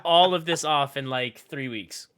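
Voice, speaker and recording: A man in his mid-twenties co-hosting a casual interview, chatting in a relaxed, conversational way. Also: a little high, a little slow, smooth. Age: 20s. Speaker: co-host.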